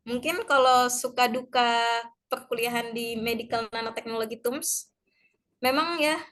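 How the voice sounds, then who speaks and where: A woman's voice: fairly high pitch, a bit bright. A young woman from Indonesia, a graduate student chatting casually over a video call about her studies, with many fillers and small laughs. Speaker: graduate student sharing her study experience. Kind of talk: casual online talk.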